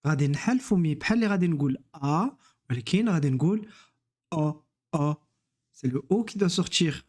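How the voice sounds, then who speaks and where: A man's voice: fairly high pitch, lively intonation, rapid-fire, darkish tone. A man teaching reading, sounding out letters and syllables one at a time and repeating each word. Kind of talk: slow step-by-step reading lesson.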